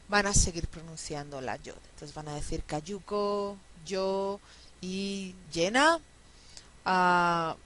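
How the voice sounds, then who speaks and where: A woman lecturing on speech sounds at an unhurried pace. She says example words one by one with care and keeps checking in with her listeners. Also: medium pitch, a bit bright. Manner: repeats example words slowly and carefully. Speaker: language teacher. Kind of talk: recorded lecture on Spanish phonetics.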